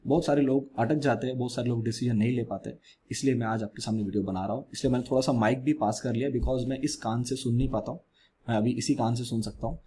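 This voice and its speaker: A man with an Indian accent hosting a weekly market analysis, talking in a measured, explanatory way and speaking softly into a close mic. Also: medium pitch, fairly even intonation, breathy edge. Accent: Indian English. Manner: measured, explanatory, mixes English phrases into Hindi. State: speaking softly due to ear injury. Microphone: close mic with gain raised.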